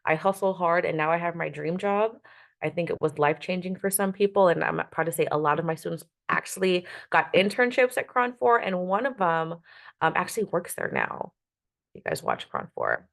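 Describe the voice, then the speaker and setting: A woman's voice: lowish voice, brisk, gravelly. A woman who is a media professor, giving an online workshop presentation over a video call in an upbeat, emphatic way, often checking in with "right?" and "okay?".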